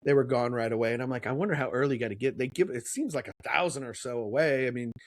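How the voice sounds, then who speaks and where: This podcast co-host from Kansas City, USA, talks at a quick pace in a mid-range voice with no echo. He's a rambling storyteller in casual conversation, telling a long tale and performing the quotes as he goes.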